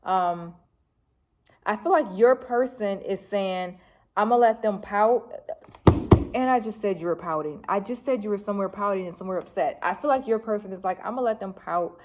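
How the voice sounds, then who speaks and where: A woman doing a casual tarot reading, talking fast, chatty and blunt with slang. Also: medium pitch, darkish tone, slight background noise. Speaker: tarot reader.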